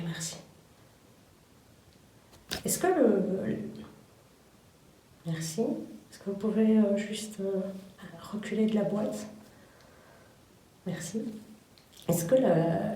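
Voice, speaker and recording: A woman who investigates the paranormal, patiently and politely questioning a presence in the cellar of a derelict house. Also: medium pitch. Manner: soft, patient, polite questioning with frequent thanks. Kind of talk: spirit-box session, questioning a presence. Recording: echoey cellar, distant mic, noisy background.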